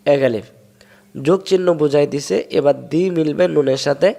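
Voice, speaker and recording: Guy teaching quran reading, gravelly voice, spells out sounds slow and patient. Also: a little high, warm tone. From Bangladesh. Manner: explains step by step, drawls sounds slowly to demonstrate. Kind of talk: recitation lesson.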